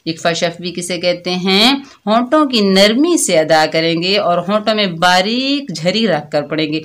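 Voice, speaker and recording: A woman teaches an online Quran recitation lesson, going through the rules one word at a time. She explains each rule patiently and often asks her listeners checking questions. When she reaches an example word, she recites it slowly and draws it out. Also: on the low side, lively intonation, fairly bright tone.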